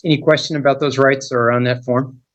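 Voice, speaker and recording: An American man speaking as a judge in a court hearing, explaining rights and procedure in a measured, formal, plain-spoken way. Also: medium pitch, steady tone, fairly bright tone. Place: court hearing held over video call.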